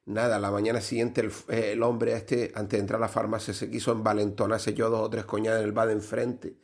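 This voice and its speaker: A man's voice: fairly low pitch, flat delivery, fast talker, creaky. Brief: casual male radio host telling jokes, trips over his words. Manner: stumbling restarts, repeats words. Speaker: radio joke teller.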